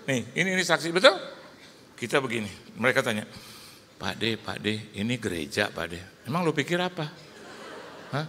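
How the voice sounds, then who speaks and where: A male pastor preaching, telling a comic story and acting out the dialogue in lively bursts. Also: a little high, a little hiss or hum. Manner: animated, jokey storytelling with acted-out dialogue. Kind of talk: sermon with storytelling. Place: large church hall. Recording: live hall reverb, faint ambience.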